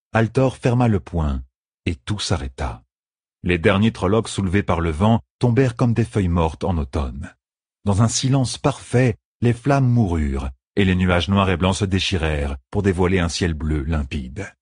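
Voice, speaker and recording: A man narrating a fantasy novel in a measured, dramatic reading, close to the mic. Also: low voice, expressive, darkish tone, breathy edge, no echo. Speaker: audiobook narrator.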